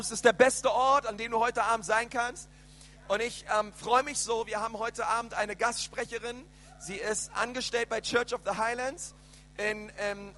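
Man interpreting a sermon in a hall. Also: sits high. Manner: animated, with many fillers and restarts. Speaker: church interpreter and host. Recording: echoey church hall with hum.

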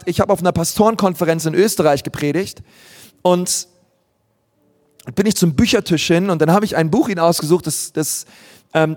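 A male pastor delivering a sermon, earnest and emphatic, who drives his points home by repeating them. His voice sits fairly high for a man. The sound carries a long echo, as if from a big hall. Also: a little mellow.

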